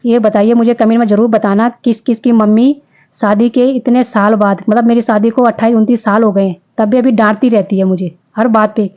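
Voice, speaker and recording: A woman's voice: fairly high pitch, steady tone, brisk, a little mellow, muffled recording. A woman in her fifties narrating her home vlog in a chatty, homely way, speaking straight to her viewers. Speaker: vlogger. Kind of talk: casual vlog voice-over narration.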